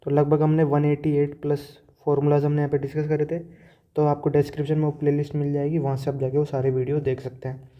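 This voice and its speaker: A man with a Hindi-speaking Indian accent teaches calculus in a whiteboard lecture, working through problems step by step as he writes. His voice is fairly high and monotone, he talks fast, and the sound is lo-fi. He mixes English math terms into his speech.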